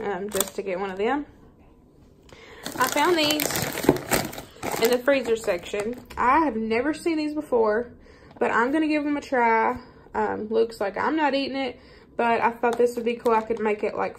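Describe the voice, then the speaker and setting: A woman with a Southern American accent, a vlogger, goes through her grocery haul at the kitchen table at home, talking casually with frequent "um"s and "y'all"s. She speaks at a fairly high pitch over slight background noise.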